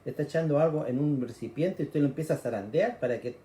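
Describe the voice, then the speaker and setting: A man's voice: fairly high pitch, quick pace, warm tone, echoey room. A man with a Chilean accent preaching a sermon, explaining scripture conversationally and acting out the cries of frightened people. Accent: Chilean Spanish.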